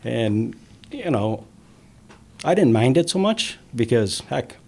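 A man, a police officer, talking earnestly in an interview, with many pauses and fillers. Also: medium pitch, sing-song, gravelly, a little mellow. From immigrant, grew up in the US. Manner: earnest, halting, many "you know" fillers. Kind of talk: conversational interview.

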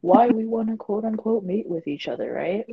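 A woman's voice: medium pitch, expressive, normal speed, gravelly, husky, narrow, tinny audio. A woman in her twenties, co-hosting a casual podcast chat, rambling with lots of fillers. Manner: rambling, filler-heavy, frequent laughter. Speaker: podcast co-host.

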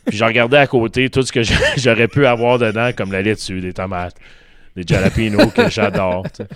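A man with a Québécois French accent spins a long, animated story among friends, slipping English words in as he goes. His voice is smooth and clear. The sound is dry and close, with little room tone. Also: on the low side, a little fast, dry recording. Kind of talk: casual storytelling chat.

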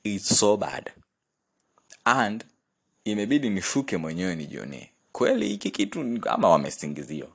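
A playful, patient God speaks in a low, gravelly and husky voice, as a preacher puts him on. The voice comes in exclaiming bursts that swing between Swahili and English. It is sermon storytelling rather than a polished radio play. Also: male voice, big pitch swings, normal speed, heavily acted. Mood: incredulous. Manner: mixes East African Swahili and English, exclaiming.

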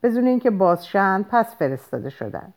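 A woman's voice: mid-range voice, big pitch swings. A woman narrating an audiobook in a first-person voice, reading expressively and lifting her voice for the dialogue. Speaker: audiobook reader.

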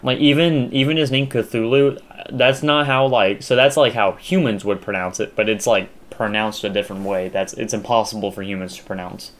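A man's voice: fairly low pitch, steady tone, normal speed, few pauses, fairly bright tone. A young man chatting casually as a podcast co-host, rambling with lots of fillers and restarts. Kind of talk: casual chat.

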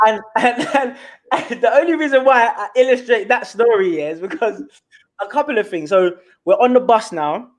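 A young man with a London accent, telling a story from his school days as a guest on a casual interview, repeating words when excited. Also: extremely high pitch, normal speed. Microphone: remote call.

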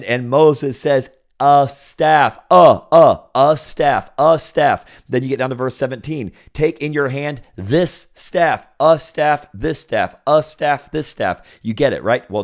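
This Senegalese man preaches and reads scripture, repeating phrases as he climbs to loud, forceful peaks. His pitch sits in the middle, his pace is slightly slow, and he barely pauses.

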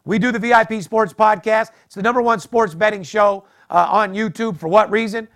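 A man hosting a sports betting podcast, boastful and profane, pushing his picks hard. His voice sits high for a man and has a gravelly edge. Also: steady tone, brisk, fairly bright tone. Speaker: podcast host.

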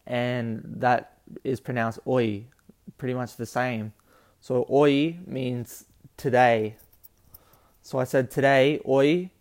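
A man hosting a casual solo podcast, rambling and restarting his sentences as he explains things. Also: mid-range voice. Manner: rambling, restarts often, flat delivery. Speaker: podcast host.

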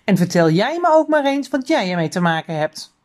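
A woman's voice: mid-range voice, sing-song, brisk, a little mellow, close to an everyday voice. A woman voicing a mother in a children's story who teases and scolds her family. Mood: stern. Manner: teasing then stern. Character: teasing mother, stern when needed.

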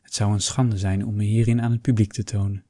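Man doing a timid young dancer, low husky voice. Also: flat delivery, a little fast, dark tone, dry recording, close to an everyday voice. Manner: hesitant, deferential. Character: timid young male dancer, eager and respectful.

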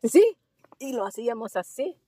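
A woman who works as a driving instructor, telling a story in a casual interview, animated and slipping English phrases into her Spanish. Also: medium pitch, normal speed, no room sound.

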